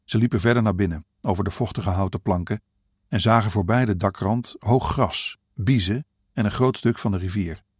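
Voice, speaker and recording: A man reading a novel aloud as narrator, calm and measured. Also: fairly low pitch, breathy edge, no echo, studio quality. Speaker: audiobook narrator. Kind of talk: scripted narration.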